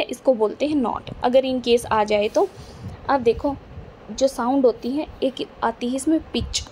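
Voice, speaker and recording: A woman's voice: sits high, darkish tone, slight background noise. A woman teaching a physics lesson in style classroom talk, patiently repeating points and checking that students follow. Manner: repetitive, patient, checks understanding often. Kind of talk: classroom lecture explaining to students.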